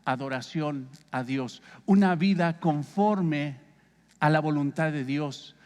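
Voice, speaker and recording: In a slow voice on the high side, a Mexican-accented pastor teaches Bible study conversationally, questioning his listeners. A long reverb tail follows his words.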